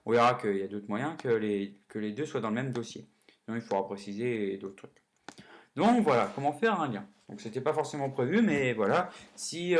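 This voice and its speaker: A man hosting a casual coding lesson, chatty and full of fillers, self-corrections and little joking asides. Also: medium pitch. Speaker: coding tutorial host.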